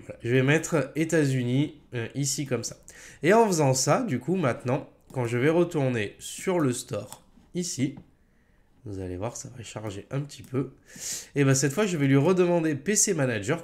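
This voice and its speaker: French male tech tutor, mid pitch, relaxed chatter full of fillers and little self-corrections. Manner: chatty, many fillers and self-corrections, chuckles at own slips. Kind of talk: casual screen-recorded software tutorial.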